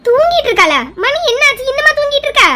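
A woman's voice: extremely high pitch, very animated, fast, bright, forceful tone, exaggerated voice. A woman with a Kanyakumari Tamil accent playing a complaining mother-in-law who nags in a comedy skit. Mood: scolding. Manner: nagging and self-pitying. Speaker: skit performer.

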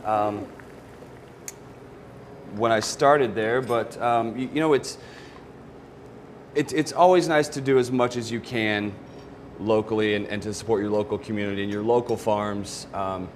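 A man's voice: lowish voice, measured pace, pauses often, a little hiss or hum. A man in his forties, a guest chef on a TV studio kitchen set, talking in an easygoing way and often repeating words as he cooks. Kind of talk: live TV cooking demo.

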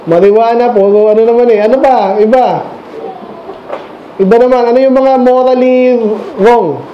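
A man's voice: extremely high pitch, fairly even intonation, moderate pace, dark tone, a little hiss or hum. A man preaching an informal Sunday evening sermon as pastor, talking conversationally and quizzing the children in his congregation. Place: small church mission hall. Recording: echoey, dull lo-fi room recording.

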